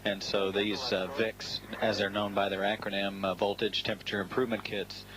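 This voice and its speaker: Low, flat male mission commentator. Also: fairly quick. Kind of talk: unscripted explanatory spaceflight commentary. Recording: noisy radio broadcast feed.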